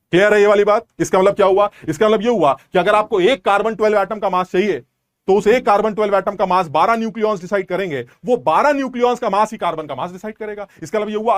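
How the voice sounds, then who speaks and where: Male tutor, high voice, dry close sound, explains and quizzes the class. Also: no echo. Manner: explains step by step, asks students rhetorical questions. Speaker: chemistry teacher. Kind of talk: online class lecture.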